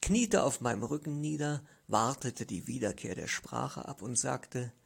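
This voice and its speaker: A man reading a literary story aloud in the first person, measured and expressive. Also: mid-range voice, gravelly, breathy edge. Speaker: audiobook narrator.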